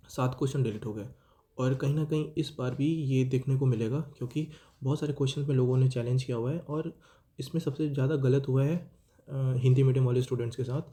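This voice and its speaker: A man's voice: mid-range voice, dark tone. A young man, casually explaining exam cutoffs to students and often correcting himself. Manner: conversational, keeps saying "friends", self-correcting. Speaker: exam-prep YouTuber.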